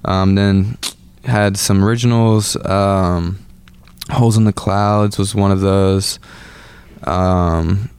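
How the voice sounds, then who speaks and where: A man in his twenties from Atlanta, a musician, chats loosely as an interview guest in a laid-back way, filling his speech with lots of "like" and "um." His low voice is darkish and clean, with fairly even intonation and a slow pace, and there's no room sound.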